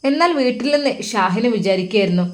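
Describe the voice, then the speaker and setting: A woman's voice: a little high, animated, fast. A woman storyteller with a Malappuram Malayalam accent narrates a family drama. Her telling is emotive and vivid.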